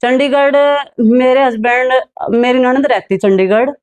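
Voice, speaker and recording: A middle-aged woman from Haryana, India, telling her own life story as a talk show guest, in a plain, unhurried way with soft quiet asides. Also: high voice.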